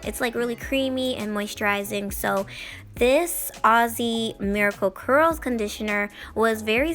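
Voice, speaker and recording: A woman giving a chatty, informal product review as a vlogger, slightly hoarse as she gets over a cold. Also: medium pitch, sharp tone. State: recovering from a cold. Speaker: beauty vlogger. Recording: faint music under voice. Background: faint music.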